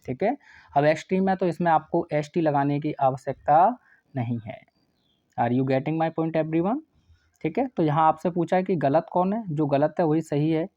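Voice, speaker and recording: A man's voice: a little high, normal speed, dark tone, no echo. A man teaching English grammar for an exam, asking his students questions and then answering them himself. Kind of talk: exam-prep lesson. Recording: dry, slightly dull sound.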